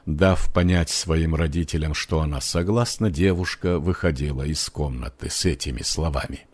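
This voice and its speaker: Чтец-мужчина, низкий тембр, неспешное размеренное чтение нон-фикшн. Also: male voice, a bass voice, moderate pace. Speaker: audiobook narrator. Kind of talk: reading aloud.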